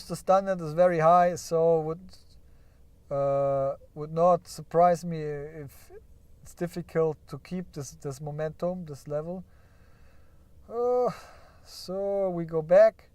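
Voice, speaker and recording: A man's voice: high voice, darkish tone, clear, resonant tone, no echo. A man giving casual live commentary on company earnings while sharing his screen, thinking aloud and joking along the way. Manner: thinking aloud, chatty, hedging with frequent "yeah?"; playful, jokes about crying over results. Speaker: stock market streamer.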